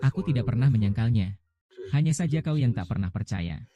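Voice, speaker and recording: Very dark-voiced man dubbing drama. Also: medium pitch, expressive, a little fast, dull audio. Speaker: voice-over dubber reading every part of a short drama. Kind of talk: dubbed drama dialogue.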